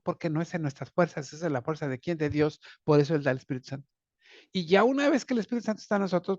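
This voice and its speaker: Gravelly-voiced pastor preaching, dry lo-fi sound. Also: male voice, on the high side, darkish tone, dry recording. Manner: addresses listeners as brothers, asks rhetorical questions. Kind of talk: sermon on a Bible lesson.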